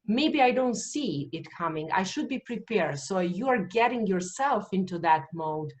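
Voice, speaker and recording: A woman from Serbia, interviewing and slowly summarizing what she hears. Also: mid-range voice, expressive. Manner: slow, summarizing, searching for words. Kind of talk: reflective interview questions.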